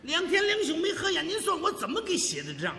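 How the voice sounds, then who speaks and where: A man's voice: very high voice, a little fast, big-room sound. A man performing crosstalk comedy as the lead teller, boasting and spinning a story on stage. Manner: boastful storytelling, animated delivery.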